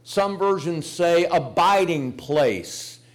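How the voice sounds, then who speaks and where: A man's voice: on the high side, animated, takes it slowly. An older man preaching a sermon, telling folksy personal stories and rising to emphatic points. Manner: folksy storytelling with emphatic rises. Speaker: pastor.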